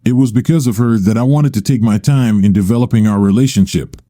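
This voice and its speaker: A man narrating a first-person story and reading every character's lines in much the same even voice. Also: on the low side, fairly quick, no echo, clean studio sound.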